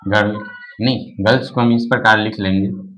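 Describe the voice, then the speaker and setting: Poor audio carries a man's lowish, fairly bright voice with fairly even intonation and a moderate pace. He runs a classroom-style English lesson in Hindi, repeatedly asking questions he then answers, restarting often and filling with "nahin."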